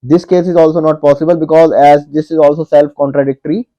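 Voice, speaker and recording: A man's voice: a little high, fairly even intonation, quick pace. Methodical man tutoring a logic puzzle. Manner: methodical, repeats each step and says "okay" often. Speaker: online tutor. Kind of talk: whiteboard puzzle walkthrough. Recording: dull lo-fi audio.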